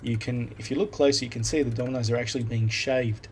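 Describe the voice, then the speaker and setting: A man's voice: medium pitch, quick pace. A man with an Australian accent casually explaining a workshop build in a voice-over recorded on a phone voice recorder app. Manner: relaxed, plain-spoken, explains step by step. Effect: recorded on a phone voice recorder app instead of a microphone. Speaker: woodworking video maker. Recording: noisy phone voice-memo recording.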